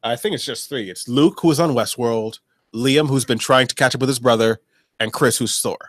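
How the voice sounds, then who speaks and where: A man co-hosting a casual podcast chat, joking in a lively way. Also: medium pitch, moderate pace, dry recording. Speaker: podcast co-host.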